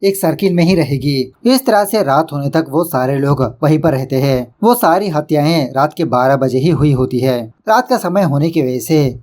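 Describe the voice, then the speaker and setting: A man's voice: fairly high pitch, animated, normal speed, hardly any pauses, darkish tone. Man narrating a dramatic movie recap. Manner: dramatic, conversational storytelling.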